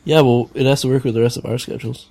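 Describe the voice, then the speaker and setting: A man's voice: medium pitch, fairly even intonation, very fast, a little mellow. A man co-hosting a casual podcast, joking around and laughing often. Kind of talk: casual chat.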